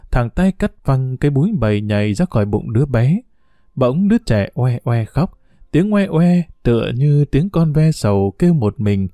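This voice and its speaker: Male narrator for a storybook reading; calm and measured, warm low tone, dry booth. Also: no room sound. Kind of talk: audiobook storytelling.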